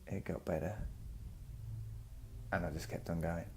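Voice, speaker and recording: A man giving a reflective, personal vlog monologue, speaking earnestly in short, halting phrases. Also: low-pitched, steady tone, dark tone, slight background noise. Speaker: vlogger. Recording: music behind the voice.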